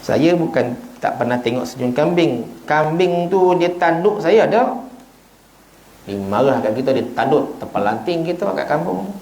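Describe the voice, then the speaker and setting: A man's voice: on the high side, expressive, normal speed, darkish tone, roomy sound, poor audio. A man with a Malaysian Malay accent gives an informal evening sermon, telling stories and acting out little dialogues with joking asides. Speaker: ustaz giving an evening mosque lecture. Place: prayer hall of a small mosque.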